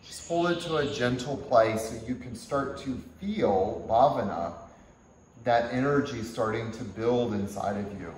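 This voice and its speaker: A man giving a workshop-style yoga lecture in a gentle, unhurried way, with frequent chuckles. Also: medium pitch, recorded from a distance, slight background noise. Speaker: yoga teacher. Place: teaching hall at a yoga retreat center. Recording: echoey room.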